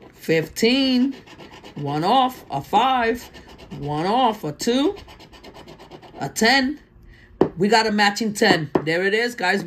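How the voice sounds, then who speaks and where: A woman's voice: medium pitch, slight background noise. A woman hosting casual scratch-card play-along commentary, calling out numbers in short phrases. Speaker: host of a lottery scratch-off channel.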